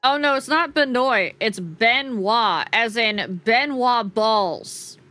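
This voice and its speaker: A woman's voice: on the high side, lively intonation, slow pace, pushed and bright. A woman hosting a game livestream, chatting to viewers in a cute, playful anime-streamer manner. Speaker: streamer, host.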